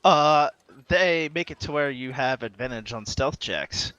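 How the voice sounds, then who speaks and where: A man's voice: mid-range voice, lively intonation, pushed and bright, clean tone, dry recording, dull audio. A man running a tabletop game as game master, narrating and voicing a shopkeeper with lots of fillers and laughs. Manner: halting, filler-heavy, laughs often.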